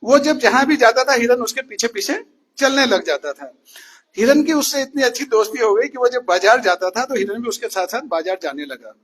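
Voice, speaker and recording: A man's voice: very high-pitched, animated, brisk, fairly bright tone, husky. A male teacher telling a story to children in class, often asking them questions as he goes. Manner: asks questions to the listeners.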